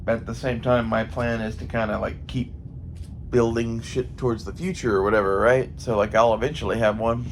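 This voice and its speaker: This American gun hobbyist vlogger speaks fairly quickly at medium pitch with fairly even intonation, rambling casually, musing aloud and cursing freely. Faint background noise is present.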